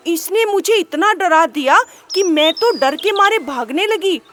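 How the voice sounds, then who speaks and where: A woman voicing a clever female fox in a children's storybook, asking quick wheedling questions. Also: very high-pitched, lively intonation, a bit bright, faint music behind, voice pushed up, full character voice. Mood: timid. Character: sly female fox, clever but easily scared.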